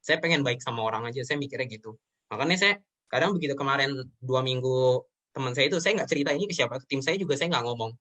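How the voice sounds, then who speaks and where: Speaking quickly in a mid-range, expressive voice that sounds bright and forceful, this young show guest opens up about his life and work. It is an emotional, personal conversation; he is earnest, sometimes tearful, and keeps addressing the listener as "sir."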